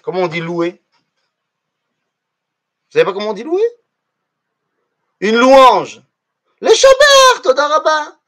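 A man's voice: very high-pitched, slow pace, long pauses. A man teaching a lesson to his students, explaining things step by step and often throwing questions back at the class. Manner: animated, asks the class rhetorical questions.

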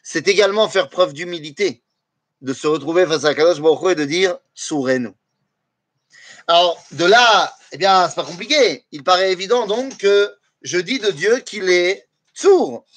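A man gives a Torah class in a high, animated voice that rises and falls with energy. He quizzes his listeners and weaves Hebrew phrases into his explanation. The recording is dry and close, with no room sound. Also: normal speed, dry recording. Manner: lively, asks the audience questions, mixes in Hebrew phrases. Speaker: Torah teacher.

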